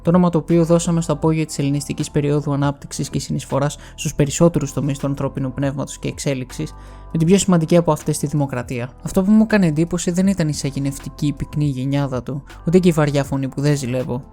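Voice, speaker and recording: A man from Greece narrates a scripted video essay with wry, explanatory delivery. His voice is somewhat high for a man yet mellow and dark in color, with faint music underneath. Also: steady tone.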